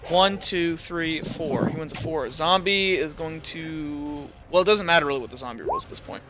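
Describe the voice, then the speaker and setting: Acting as game master for a tabletop game, a man narrates and referees, talking through rules and dice rolls aloud and frequently correcting himself. His voice is on the high side and his pace moderate, with music in the background.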